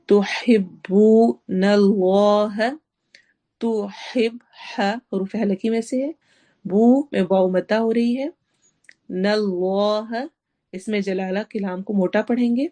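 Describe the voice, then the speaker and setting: A woman teaching Quran recitation, reciting each phrase slowly and then explaining each sound, with English words mixed into her teaching. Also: mid-range voice, mellow. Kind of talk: tafsir and tajweed lesson.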